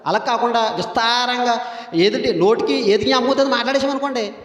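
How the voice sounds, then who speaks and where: A man's voice: very high voice, quick pace. A male pastor preaching a sermon in a church hall, teaching in a conversational way and firing rhetorical questions at the congregation. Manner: conversational teaching with everyday examples. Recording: echoey hall.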